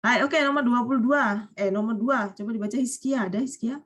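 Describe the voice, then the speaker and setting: A woman's voice: a little high, fairly quick, a bit bright. A woman teaching vocabulary on a video call, patient and explanatory. She keeps asking her students questions and weaves Japanese words into her talk. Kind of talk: online vocabulary lesson.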